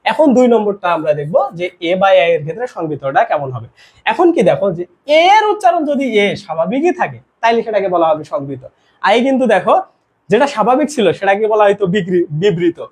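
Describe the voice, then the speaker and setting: A man's voice: sits high, quick pace, husky. A young man tutoring students for an admission test in an online grammar lesson, explaining step by step and often asking if they follow. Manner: lively explaining with constant check-in questions.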